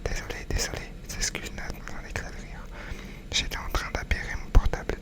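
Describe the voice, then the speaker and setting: A person reading a novel aloud in a soft, unvoiced ASMR whisper, in an unhurried storytelling manner with occasional stumbles.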